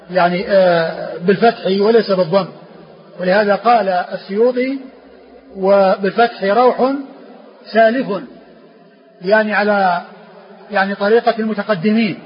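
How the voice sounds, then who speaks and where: A man teaching a classical text, slowly repeating words and spelling out letters as he explains. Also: high voice. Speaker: teacher of hadith sciences. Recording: dull lo-fi recording with faint hiss.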